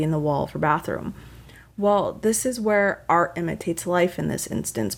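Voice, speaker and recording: A woman narrating a true crime podcast episode in a relaxed, conversational way. Her voice sits a little low, and she keeps a slightly wry, casual tone as she walks through the story. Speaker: podcast host.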